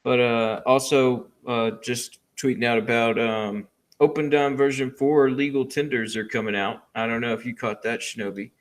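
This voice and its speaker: A man's voice: mid-range voice, fairly even intonation, moderate pace. A man co-hosting a casual podcast, rambling with many ums and uhs as he shares his final thoughts. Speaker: podcast co-host. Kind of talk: casual chat.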